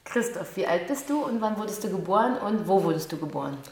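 A woman's voice: medium pitch, lively intonation, quick pace, darkish tone. A woman in her twenties asking casual, coaxing interview questions. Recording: roomy recording with faint hiss.

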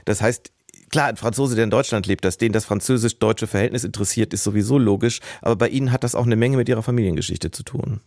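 A male interviewer with a very deep voice speaks briskly and fast, framing probing questions. The sound is dry and close, with no room echo. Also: darkish tone. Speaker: host. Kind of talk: radio interview.

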